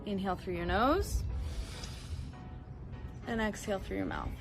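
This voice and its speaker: A woman guiding listeners through a gratitude and breathing exercise in a calm, encouraging voice. Her pitch sits mid-range, with music clearly audible behind her. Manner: calm, encouraging instruction with slow breathing cues. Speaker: wellness instructor. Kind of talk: guided gratitude practice.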